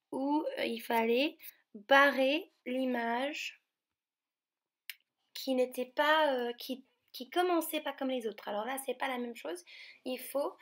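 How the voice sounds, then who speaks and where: Slow, careful French schoolteacher woman. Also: high voice. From France. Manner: slow, careful, stretching out each word. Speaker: primary school teacher. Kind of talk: remote lesson for young children.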